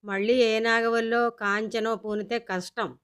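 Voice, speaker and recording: A woman's voice: a little high, fairly even intonation, a little slow, fairly bright tone, smooth. A woman voicing a wry, practical middle-aged mother in a storybook tale.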